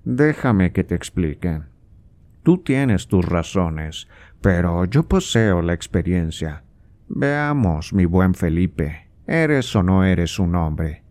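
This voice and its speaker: A man's voice: deep voice, animated, unhurried, a little mellow. A man reading aloud and voicing a scornful, impatient old nobleman who scolds his son with sarcasm. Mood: coaxing. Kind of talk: audiobook character voice.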